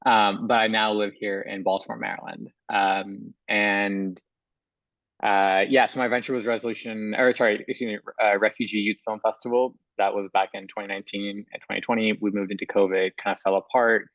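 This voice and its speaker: An American man introduces himself on a video call with a low, flat, even delivery. He is self-deprecating and uses many fillers. The audio is dry and dull. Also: fairly quick, dry recording. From United States. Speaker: course participant.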